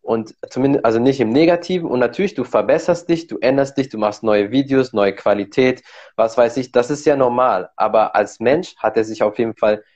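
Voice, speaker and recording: A man's voice: mid-range voice, a little fast, darkish tone, muffled recording. A man hosting a podcast, chatting casually and readily agreeing with his guest. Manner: agreeable, affirming. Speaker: podcast host. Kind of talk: casual interview talk.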